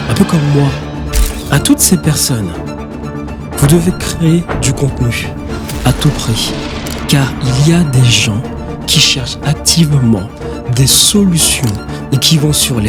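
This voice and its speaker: A man, a business consultant, giving a direct and urgent motivational talk on doing business online. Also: medium pitch.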